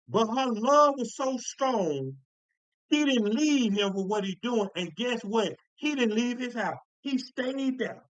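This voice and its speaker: A man delivers a sermon in a high, ringing voice. He talks in a folksy, emphatic way, repeating phrases and stretching out key words for weight. The sound is dry and close. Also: no echo, highs cut off. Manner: folksy, emphatic preaching with repetitions. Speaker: preacher.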